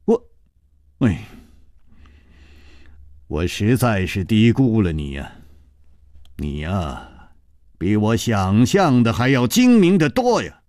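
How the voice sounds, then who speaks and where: A man's voice: mid-range voice, sing-song, moderate pace, no room sound, studio quality. A man voicing a clever, trapped male hero who speaks in a wry, sighing way.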